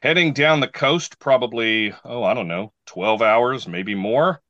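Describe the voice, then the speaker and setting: A man's voice: medium pitch, unhurried, sharp tone, no echo, dull audio. A man hosting a show in a folksy, showman-like way, announcing with emphatic phrasing. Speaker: radio show host. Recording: faint music behind the voice.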